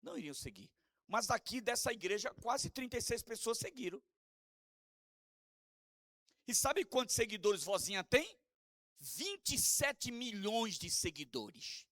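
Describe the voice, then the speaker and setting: A man preaching a sermon with a Brazilian Portuguese accent, moving between quiet asides and shouted, sing-song emphasis and calling out questions for the congregation to answer. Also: very high voice, big pitch swings, measured pace, pauses often, no echo, clean studio sound. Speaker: apostle preaching.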